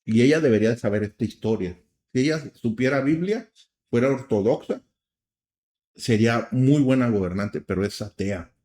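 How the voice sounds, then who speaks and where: A middle-aged Mexican man hosting a program of earnest religious commentary, often restarting his sentences and filling pauses. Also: mid-range voice, darkish tone. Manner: earnest, with frequent restarts and fillers. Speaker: program host.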